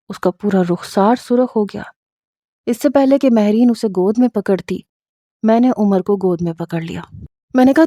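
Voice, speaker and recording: A woman narrating a romantic story in the first person, steady and scripted. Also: mid-range voice, no room sound, studio quality.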